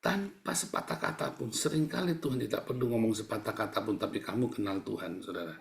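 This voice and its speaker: Animated man preaching in an echoey hall. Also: lowish voice, fairly quick, creaky. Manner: animated preaching, swings between loud and soft, acts out cries. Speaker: pastor. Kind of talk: sermon.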